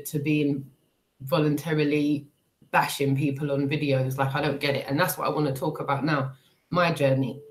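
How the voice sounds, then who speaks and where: A woman who sounds sick and bunged up, chatting casually and hesitantly to livestream viewers in an apologetic, rambling way. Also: deep voice. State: unwell, congested, bunged up with a cold and cough. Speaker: livestream host. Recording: clearly noisy livestream audio.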